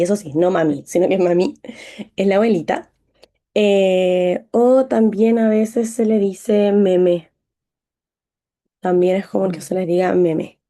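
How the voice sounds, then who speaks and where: In a warm, medium-pitched voice, a woman with a Chilean Spanish accent teaches French. She's encouraging and fills her explanations with plenty of examples.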